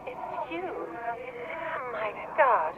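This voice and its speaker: An unearthly, fragile woman's voice comes through a crackling, phone-like old intercom. She is a ghostly, frightened game character, speaking slowly and breathily as if from an antique recording. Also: on the high side, sing-song, full character voice. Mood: shaken, pleading. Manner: breathy, halting. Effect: crackling antique intercom static, like wax cylinder. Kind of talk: video game voice acting.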